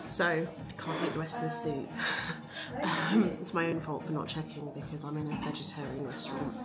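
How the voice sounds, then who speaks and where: Her voice sits low and runs at an ordinary pace as this thirty-something travel vlogger talks brightly and casually to the phone camera in her outstretched hand. Out on busy streets and park paths, the recording catches the surrounding traffic and street noise.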